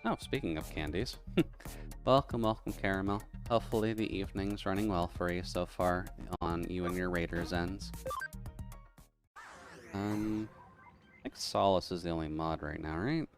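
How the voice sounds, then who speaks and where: Male live streamer, low-pitched with metallic robot processing, chatty off-the-cuff gameplay commentary over music. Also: measured pace, pauses often. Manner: chatty, mutters while playing, reads chat aloud. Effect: metallic tin-can robot voice filter.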